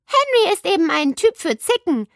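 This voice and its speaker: A woman voicing a lively, slightly smug schoolgirl who tells her friends things eagerly. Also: very high voice, moderate pace, no room sound, studio quality, voice pushed up, heavily acted. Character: lively know-it-all schoolgirl.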